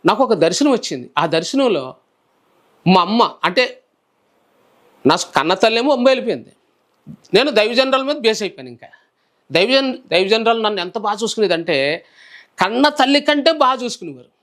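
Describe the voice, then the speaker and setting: A man who is a preacher, telling his personal testimony in a calm, soft-spoken way during an interview. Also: high voice, moderate pace, long pauses.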